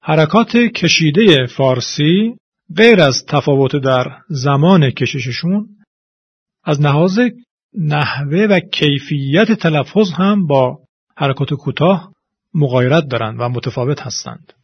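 Man, husky, dry close voice, dull lo-fi recording, demonstrates vowels carefully. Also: fairly high pitch, lively intonation, no room sound. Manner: demonstrates vowel sounds slowly and deliberately. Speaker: Quran recitation teacher. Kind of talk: explanatory tutorial with spoken examples. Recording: dull lo-fi audio.

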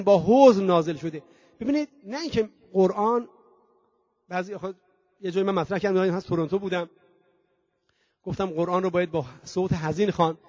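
A man's voice: high voice, darkish tone. A man preaching at a mourning gathering, chanting scripture in a singing tone between rhetorical questions and long emphatic lists. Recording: dull dry lo-fi recording.

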